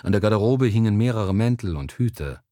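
A man narrating a novel in a calm, even storytelling voice. His voice sits on the low side and sounds close and dry. He reads at a steady pace with a measured, unhurried delivery. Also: no room sound. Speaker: audiobook narrator. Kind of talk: scripted narration.

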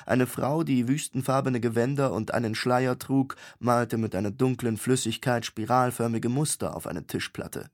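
A man reading a fantasy novel aloud in a measured, even storytelling delivery. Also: mid-range voice, no room sound, studio quality. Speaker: audiobook narrator. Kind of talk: scripted fantasy narration.

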